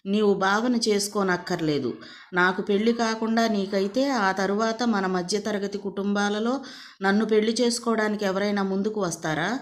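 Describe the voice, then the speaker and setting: A woman's voice: mid-range voice, moderate pace, natural voice. A woman voicing a tearful, guilt-ridden young woman in a storybook reading. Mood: distressed. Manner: distressed, pleading.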